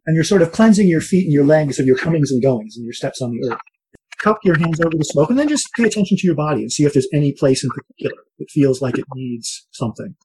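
A man with a slightly husky voice teaches shamanic ceremony as a guided meditation, in slow, repetitive, soothing phrasing. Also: a little high, expressive, darkish tone, a little hiss or hum, low-quality recording. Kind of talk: guided meditation and spoken ritual instruction.

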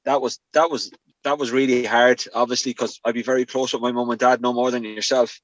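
A man's voice: mid-range voice, flat delivery, brisk, no room sound, lo-fi sound. A man in his forties with a west of Ireland accent, chatting casually and colloquially as a podcast guest. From Galway, Ireland. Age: 40s. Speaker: podcast guest, former professional footballer and coach. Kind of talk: casual chat.

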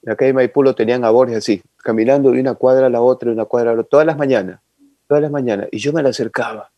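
An older man, telling long animated stories as an interview guest. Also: medium pitch, rapid-fire, no echo. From Ecuador. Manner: animated, rambling reminiscence with sound effects. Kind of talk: casual storytelling interview.

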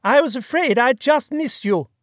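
Storybook elderly duchess, gossipy and emphatic, raised and lively, voiced by the narrator. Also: high-pitched, normal speed, dry recording, studio quality, pitched above the performer's own voice. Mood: gossiping. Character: elderly dowager duchess, chatty and kindly. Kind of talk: audiobook dialogue.

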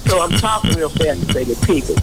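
A man's voice: a little high, expressive, quick pace, noisy background. An older man calling in to a radio show by phone, talking in an earnest, rambling, preachy way. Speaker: caller. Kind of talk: casual radio call-in. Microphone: phone call.

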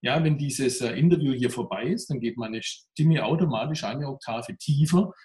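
A man's voice: mid-range voice, normal speed, darkish tone, roomy sound. A man, a mental trainer, answering interview questions candidly and reflectively, his voice pressed and tense.

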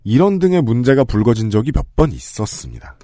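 A podcast host with a mid-range voice talks fast in a dry studio recording, reading out lists of games and tossing in joking asides. He sounds lively and playful, laughing as he goes, in casual podcast talk built around scripted segments.

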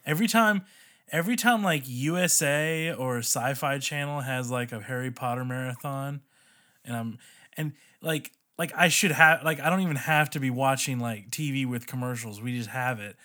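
A man's voice: mid-range voice, moderate pace, pushed and bright. Chatty man, lots of "like". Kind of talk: casual chat.

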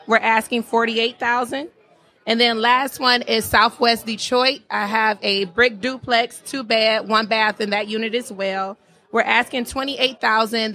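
A woman pitching property deals at a meeting, running through listing details and fixing small slips. Her voice is bright and a little high. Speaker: real estate seller pitching properties. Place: crowded meeting room.

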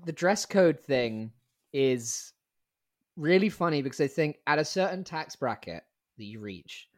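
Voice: medium pitch, sing-song, unhurried, dry recording, studio quality. A co-host of a comedy podcast, joking and slipping into playful quoted voices. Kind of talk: casual comedy chat.

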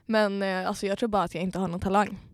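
A woman co-hosting a podcast, telling stories in casual chat and acting out what people said. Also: medium pitch. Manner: lively storyteller, acts out what people said. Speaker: podcast co-host.

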